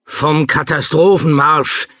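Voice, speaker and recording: A man voicing a panicky short-order cook in an audiobook, talking in hurried alarm. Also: fairly high pitch, fairly even intonation, bright, forceful tone, no echo, clean studio sound, pitched above the performer's own voice, heavily acted. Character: young man, cook's customer, alarmed and frantic.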